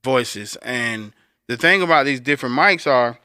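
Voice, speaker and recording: Clean studio sound and a dry recording carry this podcast co-host and engineer's deep, bright, crisp voice. Animated yet measured in pace, he addresses listeners directly with casual, conversational instruction.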